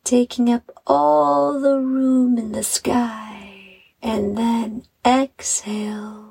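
A woman guiding a bedtime meditation like a sleep story narrator, in a soft, soothing, hushed voice with breathy phrase endings. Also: on the high side, fairly even intonation, very slow. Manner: soothing, hushed, gentle delivery with breathy trailing phrase ends. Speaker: host and meditation guide.

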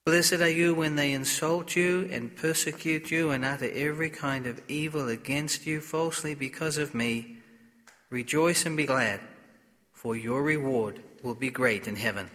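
A man, a priest, reading the Gospel and preaching at a funeral in a slow, measured, solemn way, with a long church echo on his voice. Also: on the high side, fairly bright tone. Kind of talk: funeral homily. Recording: echoey church, long reverb.

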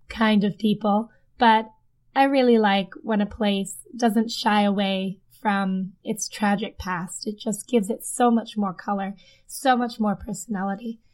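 She has a mid-range voice with a somewhat dark tone and hosts a podcast from a blanket fort in her den. Her delivery is casual storytelling that meanders and returns to earlier points. A desk mic sits under a blanket to capture it.

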